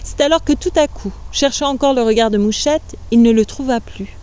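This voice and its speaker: A woman narrating a classic novel aloud with measured, expressive delivery. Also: fairly high pitch, clean tone. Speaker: reader. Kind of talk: literary reading aloud.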